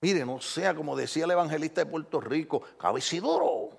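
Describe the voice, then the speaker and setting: A male pastor preaches to his church congregation. His voice sits high and swoops up and down a lot, with a gravelly edge. He keeps asking the room questions and slips into the voices of the people he quotes. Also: expressive, fairly quick. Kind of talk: sermon.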